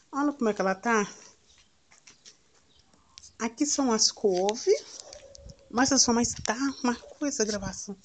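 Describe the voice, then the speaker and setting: A woman with a Brazilian Portuguese accent, vlogging casually outdoors at home on a handheld phone, tender and cooing, often dropping to a soft near-whisper. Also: fairly high pitch, slight background noise. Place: outdoors at home in strong sun. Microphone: phone camera held while filming.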